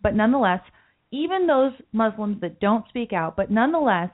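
This political podcast host talks fairly quickly in a high, expressive voice. She calls her light voice mousy, and she comes across as earnest, circling back over words as she works through her thoughts. Sound quality is phone-like and lo-fi.

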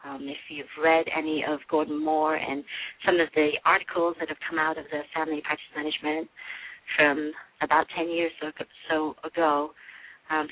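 A woman's voice: sits low, husky. A middle-aged woman from England, a family physician answering interview questions in an earnest, fluent way. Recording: tinny phone-line audio.

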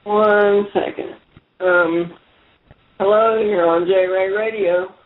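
A man hosting a casual call-in radio show over a speakerphone, talking loosely with many fillers and pauses. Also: high voice, steady tone. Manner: loose, filler-heavy, halting. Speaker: internet radio host. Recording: tinny speakerphone audio.

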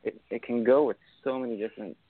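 A young man from Argentina, a guest winemaker, talks at a quick pace in a medium-pitched, steady voice during a casual interview chat. He rambles, often restarting and using fillers. The thin, phone-like line is dry and has no room sound.

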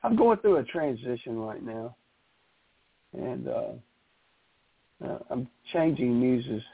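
A man calling in to a radio show over a phone line, chatting casually in an animated, rambling way. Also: mid-range voice, takes it slowly, husky. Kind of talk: casual on-air chat.

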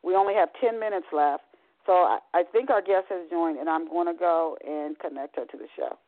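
A woman's voice: lowish voice, brisk, no echo. A woman hosting a talk radio show who chats, often restarts her sentences, and reads a novel aloud. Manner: chatty, many restarts. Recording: tinny phone line, dry.

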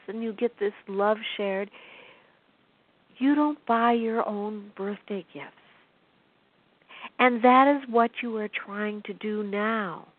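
A woman channeling spiritual guidance on her radio show, talking in a slow, soothing, repetitive way and often asking the listener if they see. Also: a little high, dry recording. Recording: phone-like web radio line.

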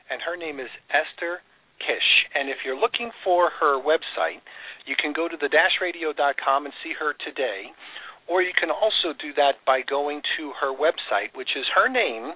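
A man hosting an internet radio talk show, his voice a touch high and husky. He chats loosely with fillers and restarts. The sound comes through a thin, tinny phone line. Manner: rambling, chatty with fillers. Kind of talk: casual interview chat.

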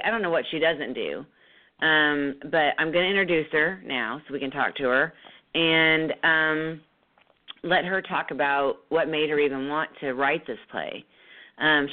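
A woman hosting an internet radio talk show, congested from a cold, with a nasal voice and a rambling manner full of ums. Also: low-pitched. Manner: rambling with many ums and restarts. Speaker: host. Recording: tinny phone line.

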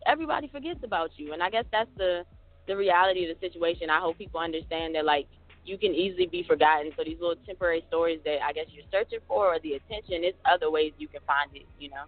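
The male co-host of a casual podcast talks fast in a slightly high voice with big pitch swings, rambling and using many fillers. It's a tinny, phone-like, dry recording.

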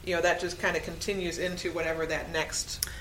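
Bright woman in a roomy space. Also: lowish voice, little pitch movement. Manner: halting, frequent "you know". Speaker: podcast panelist. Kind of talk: casual faith discussion. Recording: roomy, noisy live space.

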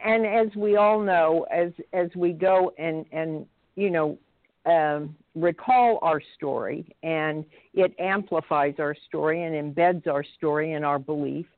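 A woman caller to a radio show, chatting warmly over the phone and musing aloud, laughing easily as she shares her thoughts. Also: low voice, measured pace, no room sound. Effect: caller heard over a phone line. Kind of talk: casual call-in chat. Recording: dry, tinny phone line.

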